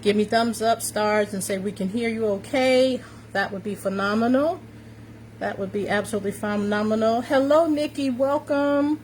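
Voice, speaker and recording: A woman's voice: medium pitch, normal speed. A woman of fifty-five with an American accent hosting a casual livestream, upbeat and emphatic, often repeating her phrases. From New York City, United States. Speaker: live stream host, confidence coach. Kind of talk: casual livestream chat to viewers. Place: warm room indoors. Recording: steady fan noise behind voice.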